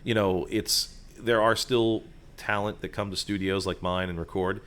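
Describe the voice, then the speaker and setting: A man's voice: fairly low pitch, steady tone, normal speed, a bit bright, smooth. A man, a voiceover artist and sound designer, talking as a guest over a restaurant table, chatty and loose with plenty of fillers and asides. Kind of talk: conversational explaining.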